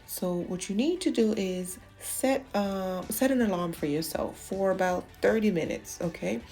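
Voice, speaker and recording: A woman with a warm, lowish voice narrates a cleaning video as a home organization vlogger. Her casual, chatty voice-over speaks straight to viewers and offers encouraging tips.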